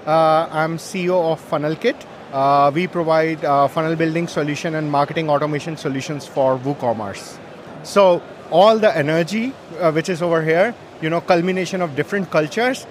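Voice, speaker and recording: A man's voice: on the high side, moderate pace, slight background noise. A man from India, a company head speaking enthusiastically with many fillers. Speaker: company CEO. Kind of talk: vox pop interview.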